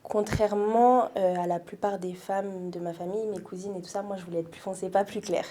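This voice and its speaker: A French woman in her twenties, guesting on a casual interview, talks through her story at a fairly quick clip. Her mid-range voice keeps a fairly even intonation, and she is reflective, with lots of fillers and quiet laughter.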